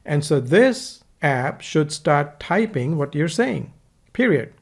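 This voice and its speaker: An online course instructor with an Indian accent records a screen-capture software tutorial, speaking slowly and close to a USB desktop mic. His slightly high voice has a gravelly edge, and his casual, instructive manner includes dictating punctuation aloud.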